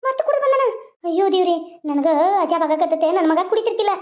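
A woman doing a sharp-tongued village mother-in-law. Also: extremely high pitch, animated, fast talker, highs cut off. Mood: scolding. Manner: taunting, scolding.

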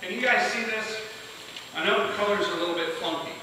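A man teaching a beekeeping class to a live audience in a lively lecture manner, often putting questions to the room. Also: sits high, brisk. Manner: energetic, asks the audience questions. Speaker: beekeeping instructor. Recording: echoey hall from far off, hiss.

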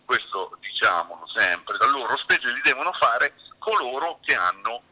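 A man's voice: mid-range voice, animated, normal speed, pushed and bright. A middle-aged man, a city councillor, heard on speakerphone during a live phone-in, explaining his points and stressing them by repeating them. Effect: on speakerphone over a phone line. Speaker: city councillor for public works.

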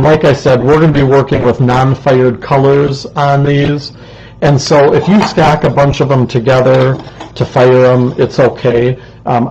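Sitting close to his desk mic, this man teaches ceramics on a live stream, explaining things in a chatty way full of ums as a fan hums in the studio. The recording is muffled, and his voice is medium-pitched with a darkish tone.

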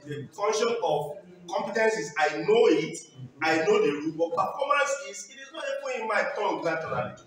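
A man's voice: sits high, lively intonation, a little fast, a bit bright, slight background noise. Nigerian man lecturing in echoey hall. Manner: explanatory, jokey, acts out examples. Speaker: university lecturer. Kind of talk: workshop lecture. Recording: echoey hall, distant mic.

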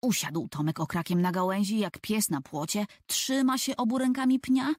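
A woman's voice: mid-range voice, lively intonation, normal speed, a little mellow, dry recording, clean studio sound. A woman narrating a children's book for an audiobook, telling the story expressively.

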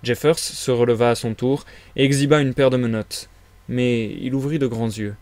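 A man reading a classic novel aloud on a live stream, in a steady storytelling delivery. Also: medium pitch, moderate pace, dry recording. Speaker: reader.

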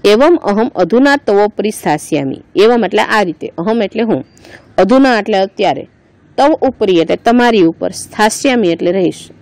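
A woman's voice: medium pitch, lively intonation, moderate pace, darkish tone, no room sound, poor audio. A woman teacher with a Gujarati accent teaching a lesson. She reads each line aloud, then explains it word by word. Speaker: school teacher.

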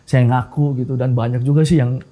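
Man, 30s, from Makassar, guest telling a personal testimony, casual, says bro a lot, warm mellow tone. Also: mid-range voice, steady tone, brisk. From Makassar, Indonesia. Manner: informal, often says "Bro", mixes in English phrases.

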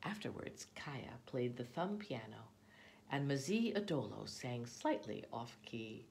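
Low-voiced, animated woman reading a storybook. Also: a little slow, creaky, a little hiss or hum. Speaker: storybook reader. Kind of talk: children's picture book read-aloud.

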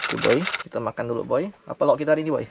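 A man's voice: medium pitch, racing, vocal fry, very noisy. A man, narrating a casual outdoor travel vlog, chatty and playful, calling everyone "boy". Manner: chatty, says "boy" constantly, playful joking. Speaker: travel vlogger. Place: outdoors in the forest by a river.

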